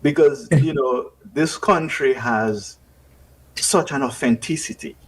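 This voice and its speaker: A man with a Dominican accent and upbringing, a writer who sits on a festival committee, talks earnestly on a radio talk show from a studio or a remote call. His medium-pitched voice is slow and a little breathy, and he turns reflective, often restarting his sentences. The recording quality is poor.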